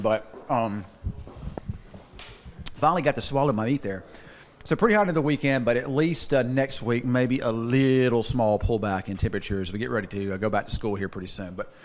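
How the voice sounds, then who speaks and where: A man's voice: medium pitch, a little hiss or hum. Weatherman in his sixties, chewing while talking. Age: 60s. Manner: folksy, talking with food in his mouth. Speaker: meteorologist. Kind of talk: on-location weather report. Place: outdoors at a ranch restaurant.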